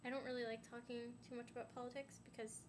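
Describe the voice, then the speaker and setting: Talking fast and flatly to her camera, a young woman vlogger rambles through a casual chat, peppering it with "um"s and "like"s. Her higher-pitched voice sounds a bit stuffy and sniffly because of a sinus infection, and background noise can be heard.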